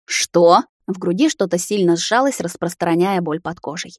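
A woman's voice: lowish voice, brisk, a little mellow, no room sound, clean studio sound. A woman reading a romance fantasy novel aloud in a dramatic first-person narration. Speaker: audiobook narrator. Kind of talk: scripted narration.

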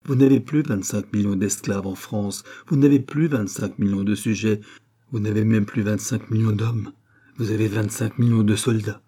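A man reading aloud as a grave, gentle nobleman, earnest and soft-spoken. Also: fairly low pitch, steady tone, normal speed, breathy edge.

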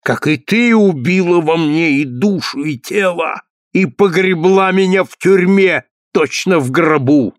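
A bitter, vengeful husband with a knife in his hand speaks slowly and grimly, weighing every word, as a male storyteller voices him. The delivery is drawn out and menacing, and the recording stays close and dry. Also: sits high, no echo, pitched above the performer's own voice. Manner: slow, grim, deliberate declamation.

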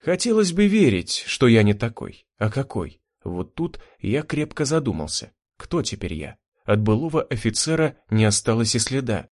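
Man narrating an audiobook, wry and reflective. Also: mid-range voice. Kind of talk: first-person narration.

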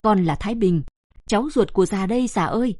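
A woman voicing an earnest young man who speaks to his elder in a hurried, respectful way. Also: medium pitch, lively intonation, darkish tone, no echo, studio quality, lightly acted.

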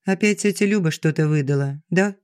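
A man reading an audiobook, voicing a gentle, soft-spoken aging schoolteacher who talks earnestly to her friend. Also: fairly high pitch, brisk, no echo, studio quality, close to an everyday voice. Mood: mildly reproachful. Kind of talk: audiobook dialogue.

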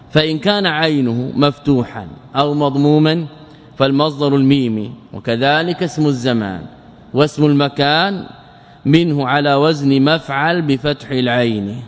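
A man teaching a morphology lesson, asking his listeners questions, answering them himself and stretching out word patterns slowly. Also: mid-range voice, in a large hall. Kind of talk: classroom lesson explaining a verse text.

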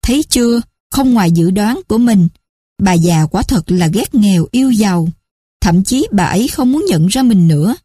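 A woman's voice: mid-range voice, lively intonation, moderate pace, warm tone, breathy edge, dry recording, studio quality. A woman voicing a middle-aged man who pretends to be poor, sly in his thoughts and whining when he pleads. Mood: scheming.

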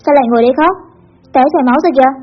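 A gruff older boy who teases and barks orders, as a woman reading a story puts him on. The voice sits high, and the recording sounds dull and lo-fi, with faint music underneath. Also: racing, natural voice. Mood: scolding. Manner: gruff, bossy, teasing. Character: teasing scolding older boy neighbor.

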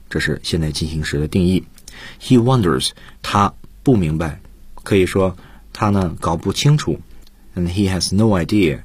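A man's voice: low-pitched, breathy edge, dry recording. A man teaching English on a radio lesson, patiently explaining words and grammar in his own language with English examples. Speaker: English teacher and guest lecturer. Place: radio studio.

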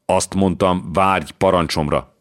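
A man voicing an impatient, stern older king who speaks in sharp, commanding rebukes. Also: very deep voice, steady tone.

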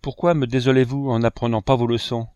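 A man voicing a noble mother who speaks gently but firmly, in a storybook reading. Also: mid-range voice, little pitch movement, quick pace, clean tone, no room sound, studio quality, close to an everyday voice. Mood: gentle firm. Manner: gentle, firm.

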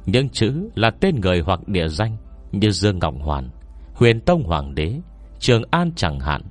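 Casting: solemn, reserved scholar, acted by a male narrator, very low voice with lively intonation, audiobook. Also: unhurried, no room sound, faint music behind, full character voice. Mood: measured. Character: reserved scholar solemnly recounting his mother's memories. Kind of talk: audiobook character dialogue.

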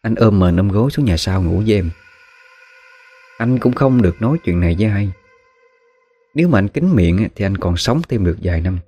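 A man's voice: lowish voice, animated, brisk, long pauses, warm tone, slightly rough. Man voicing a clingy female demon ghost. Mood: threatening.

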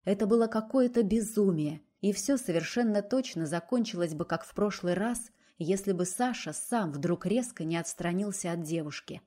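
A woman narrating a romance novel in an even, measured storytelling voice. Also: medium pitch. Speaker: audiobook narrator.

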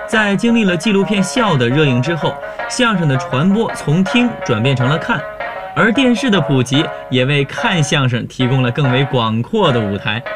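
Guy hosting a show, calm scripted narration, slightly high voice, music under it. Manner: measured storytelling delivery. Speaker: radio program host.

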